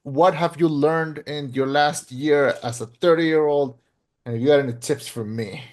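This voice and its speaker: Man, late twenties, slightly high-pitched, casual podcast host, blunt, swears freely. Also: steady tone, normal speed. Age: 20s. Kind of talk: casual movie review chat.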